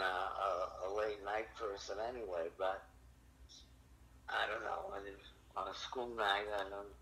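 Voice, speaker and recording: Old guy in his 70s on a phone call, chatty and rambling, sharp lowish voice. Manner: chatty, drawn-out and meandering. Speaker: caller on the phone. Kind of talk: casual phone chat.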